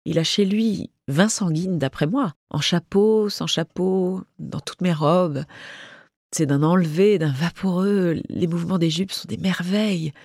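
A reader voicing a tearful young Parisian society woman who stammers and speaks in a breathy, wavering, raised voice, in a literary audiobook reading. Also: mid-range voice, a little slow, a little mellow, dry recording, clean studio sound. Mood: earnest, animated.

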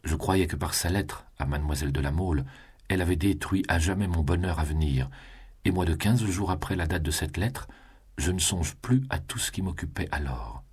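A man reading the part of a proud, resigned condemned young man in a grave, measured voice. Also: low-pitched, darkish tone, husky, heavily acted. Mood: reflective.

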